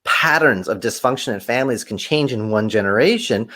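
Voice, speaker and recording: A man, a podcast guest, telling stories animatedly in conversation and acting out quoted voices with big swings in pitch. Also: animated, fairly quick, bright, forceful tone. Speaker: podcast guest, kung fu teacher.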